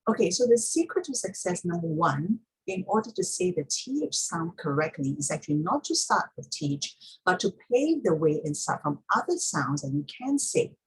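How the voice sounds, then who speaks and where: A woman's voice: fairly low pitch, very animated, normal speed, hardly any pauses, slightly rough, low-quality recording. A woman teaching pronunciation step by step in an instructional talk, repeating key points for emphasis.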